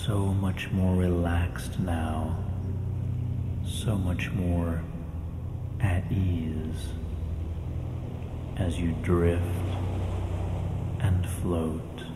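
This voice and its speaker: Very slow, deep male hypnotist voice. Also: little pitch movement, heavy background noise. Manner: slow, soothing hypnotist delivery with long pauses. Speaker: hypnosis guide. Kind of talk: guided hypnotic relaxation, countdown narration. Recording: echoey, loud music behind. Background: loud relaxation music.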